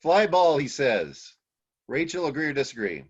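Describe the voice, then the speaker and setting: Brief: male host on a video-call game show, animated pitch, lo-fi audio. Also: moderate pace, husky.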